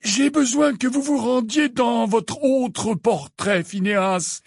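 A man voicing an old, grand headmaster wizard in an audiobook, speaking slowly and with calm authority. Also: very high voice, husky, dry recording, clean studio sound, pitched above the performer's own voice, full character voice. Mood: commanding. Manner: slow, deliberate commanding speech. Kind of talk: audiobook character voice.

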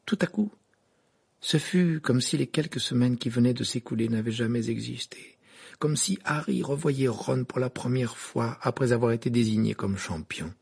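A man reading a novel aloud as narrator, expressive and storytelling. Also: mid-range voice, moderate pace. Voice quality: gravelly, raspy. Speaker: audiobook narrator.

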